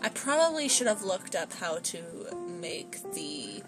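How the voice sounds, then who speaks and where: With music running behind her, this woman streams a game and chats casually to her pets inside it. Her voice sits fairly low, swings widely in pitch, and moves a little slowly.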